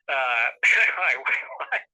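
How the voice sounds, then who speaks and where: Bright-voiced middle-aged man telling a story. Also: mid-range voice, extremely slow, poor audio. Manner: animated, chuckling, frequent restarts. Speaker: guest author. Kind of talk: casual storytelling interview.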